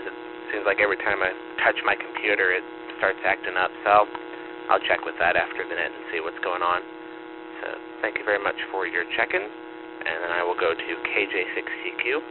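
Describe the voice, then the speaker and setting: Man, net control operator, very low voice, static-laden radio transmission, loud buzz, methodical radio procedure. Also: phone-quality sound. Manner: formal, methodical call-and-acknowledge.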